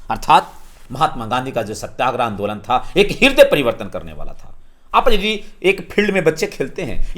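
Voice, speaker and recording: A man with a Bihari accent teaching a history lesson for exam students, posing questions and answering them himself. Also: mid-range voice. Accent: Bihari Hindi. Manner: lively, asks and answers his own questions.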